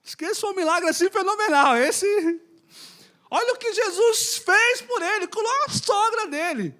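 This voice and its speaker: Male preacher, animated high voice, casual and humorous. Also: normal speed. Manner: conversational, emphatic, joking with the congregation. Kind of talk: sermon.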